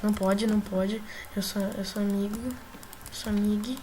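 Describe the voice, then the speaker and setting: A woman with a Brazilian Portuguese accent giving casual gameplay commentary as a gaming YouTuber, excitable and often yelling at the game. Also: mid-range voice, moderate pace, noisy background.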